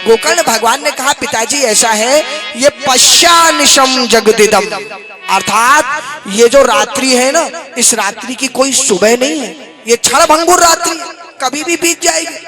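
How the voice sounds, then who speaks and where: High-voiced man chanting a sermon. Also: over music. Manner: breaks into slow melodic chanting of verses, questions the audience directly. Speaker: spiritual storyteller preaching to a live audience. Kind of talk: devotional sermon with chanted Sanskrit verses. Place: hall with a seated audience.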